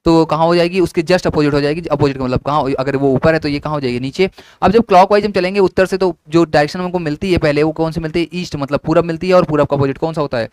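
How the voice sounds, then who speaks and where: Young male teacher, lightly raised pitch, asks then answers the same question, drilling the class. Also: fairly even intonation, quick pace, darkish tone, smooth, no echo. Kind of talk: classroom lesson explaining at a whiteboard.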